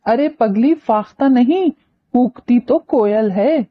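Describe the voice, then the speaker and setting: A woman's voice: a little high, animated, takes it slowly, muffled recording, voice pushed up. A woman reading a novel aloud, voicing a teasing, mischievous young man who mocks a girl. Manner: mocking, teasing.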